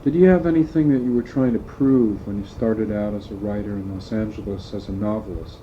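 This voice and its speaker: A man's voice: lowish voice, a little fast. A man asking questions as an interviewer in a conversational interview. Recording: dull lo-fi tape, faint noise.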